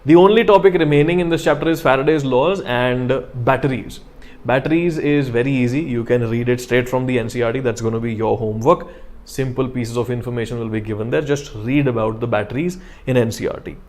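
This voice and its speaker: Young male teacher, North Indian accent, medium pitch, informal and encouraging, talking straight to students. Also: quick pace, darkish tone. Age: young adult. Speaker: online chemistry teacher. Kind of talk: conversational lecture to students, mixing English and Hindi. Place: indoor studio in front of a digital board.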